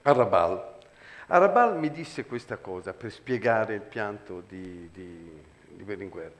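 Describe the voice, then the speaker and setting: Man, animated onstage storyteller, very lively pitch. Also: a little slow. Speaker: storyteller, performer. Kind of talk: lively anecdote telling on stage.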